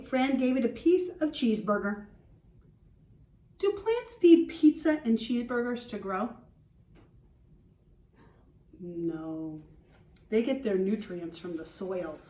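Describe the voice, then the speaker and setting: A schoolteacher reads a children's storybook aloud to her class at a slow pace, her fairly high, warm voice full of expression. She explains things simply, pausing to ask and answer questions. The distant microphone picks up a roomy echo.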